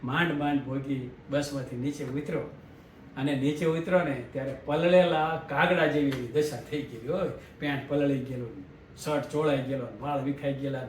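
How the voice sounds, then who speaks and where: A man telling a comic story with lively, chuckling narration. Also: mid-range voice, moderate pace, slight background noise. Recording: roomy, distant mic, faint ambience.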